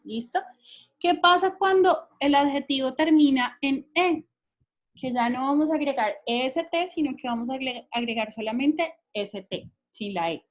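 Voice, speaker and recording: A woman teacher with a voice that sits high patiently explains English grammar rules in Spanish at a moderate pace. In this recorded lesson she often asks questions to make sure her students are following along.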